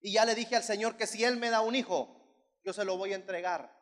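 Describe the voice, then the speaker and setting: A man's voice: high voice, fairly even intonation, a little fast, a bit bright, long reverb tail. A man voicing a grieving young woman who pleads earnestly. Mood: pleading.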